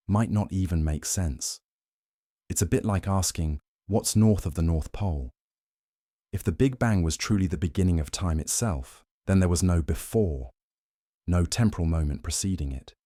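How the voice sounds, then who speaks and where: Deep, mellow man narrating gently for sleep. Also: dry recording, studio quality. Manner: gentle, soothing, unhurried. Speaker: narrator of a sleep science channel. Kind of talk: slow scripted bedtime narration for relaxation.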